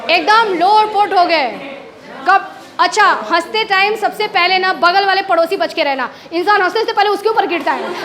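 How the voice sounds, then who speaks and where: Lively Indian woman teacher in a classroom, very high-pitched, playful delivery. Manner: lively, playful, acts out laughs. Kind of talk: classroom lesson.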